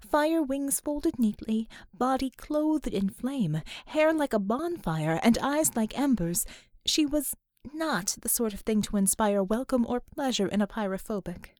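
Slow, expressive woman narrating a story. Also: on the high side, dry recording, studio quality. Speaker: audiobook narrator. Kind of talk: scripted narration.

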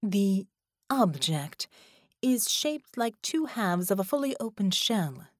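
Lady reading as a regal old sea goddess, slow formal talk, kinda impatient, dry close sound. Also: medium pitch, big pitch swings, dry recording, pitched above the performer's own voice. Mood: stately. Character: imperious ancient sea goddess, huge and regal. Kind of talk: audiobook character voice.

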